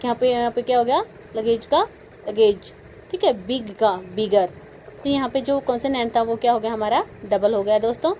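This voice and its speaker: A woman with a fairly high voice teaches a spoken grammar lesson, spelling out each word letter by letter and asking her own rhetorical questions. Faint traffic hums in the background. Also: moderate pace, mellow, poor audio. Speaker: English teacher.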